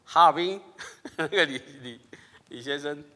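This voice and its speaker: Male pastor chatting with his church, bright ringing voice, long hall echo. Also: on the high side, unhurried. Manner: animated, laughs often, asks the audience questions. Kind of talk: interactive sermon with congregation.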